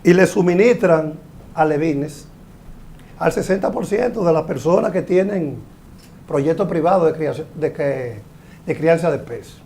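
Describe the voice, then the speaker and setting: An older man, speaking as an engineer guest in a panel talk show, explaining in a measured, sometimes emphatic way. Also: on the high side, mellow. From Dominican Republic.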